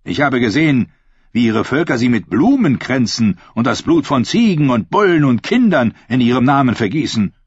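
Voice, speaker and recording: A man's voice: medium pitch, big pitch swings, normal speed, breathy edge, no echo, voice pushed up. A man reading an audiobook, voicing a smug one-eyed pirate king who taunts in a silky, amused way. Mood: taunting. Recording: dull lo-fi recording.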